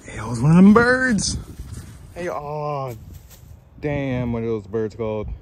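A man vlogging outdoors near the woods in a rough morning voice, bantering, grumbling and joking as he talks. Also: medium pitch, expressive, measured pace, a little hiss or hum. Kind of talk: casual outdoor vlog chat.

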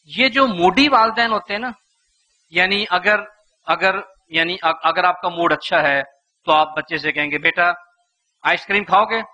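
High, very bright male lecturer. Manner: rhetorical, asks the audience questions, acts out parents' lines. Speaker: motivational speaker. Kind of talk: lecture to a live audience.

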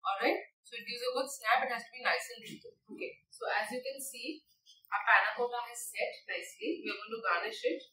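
A young woman chef instructor walks through a cooking demonstration step by step in a large teaching kitchen, often saying "okay" and "right." Her voice sits on the high side, a little fast and sharp, with lively intonation. The room echoes, she is far from the mic, and there is slight background noise.

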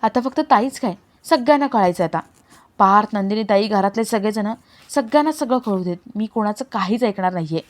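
A woman's voice: mid-range voice, lively intonation, fairly quick, natural voice. A woman reading a heartbroken, defiant young woman's lines in a serial recap, emotional and insistent. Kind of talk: dramatic read-aloud of serial dialogue.

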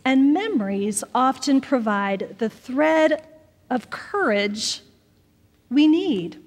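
A woman pastor preaching a sermon in a measured way, letting her phrases trail off softly. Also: high voice, expressive. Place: church sanctuary. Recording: long reverb of a church sanctuary.

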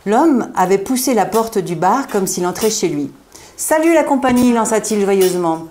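A woman reading a humorous novel aloud at a book evening, with lively, expressive storytelling. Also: medium pitch, normal speed, over music. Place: event room in front of an audience.

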